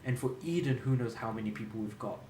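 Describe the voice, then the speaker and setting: Streaming a game from an echoey room, a young man from Australia talks fast in a dark, medium-pitched voice, with a little hiss or hum in the audio. His live-stream chat is rambling, relaxed, and self-amused.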